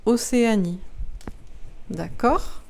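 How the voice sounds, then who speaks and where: A woman's voice: a little high, takes it slowly, creaky, darkish tone, a little hiss or hum. A woman reading tarot cards in a casual commentary, musing aloud with many hesitations and restarts. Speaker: tarot card reader.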